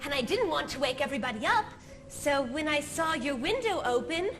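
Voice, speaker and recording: Girl playing a jumpy teen daughter caught sneaking in, high bright voice, rushes her excuses. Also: animated, soft background music. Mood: pleading. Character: nervous teenage girl, eldest daughter, sneaking home. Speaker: stage musical actor. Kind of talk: stage musical acting.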